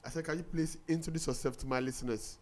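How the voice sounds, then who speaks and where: A man hosting a reggae radio show, asking interview questions haltingly and repeating words. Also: on the high side, fairly even intonation, a little mellow. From Ghana.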